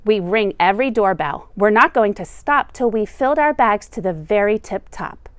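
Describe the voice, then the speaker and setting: Reading a kids' picture book aloud, a middle-aged teacher uses a measured, expressive storytelling style in her mid-range voice. No room sound can be heard.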